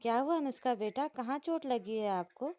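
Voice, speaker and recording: A woman voicing an affectionate middle-aged mother in a storybook who fusses over the young couple, in her own slightly high voice. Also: normal speed, warm tone, lightly acted. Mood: motherly. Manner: caring, motherly, fussing.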